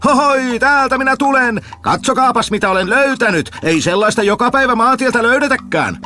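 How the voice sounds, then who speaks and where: A man voicing a simple, cheerful peasant boy who shouts with glee about his finds. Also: sits high, faint music behind, voice pushed up, full character voice. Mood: gleeful. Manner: shouting, gleeful, excited.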